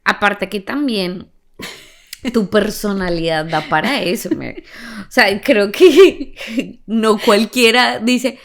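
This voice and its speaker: Woman podcast host, mid-range pitch with a gravelly fry, casual and sympathetic. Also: slow. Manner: sympathetic listener with short reactions. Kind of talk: casual chat.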